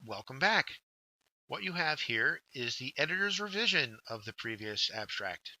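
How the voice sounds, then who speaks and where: A man at middle pitch narrates a scripted workshop lesson, addressing learners directly and guiding them through instructions step by step. His voice is very bright, forward, and very animated, at a moderate pace. The recording is rough, dry, and close, with no room sound.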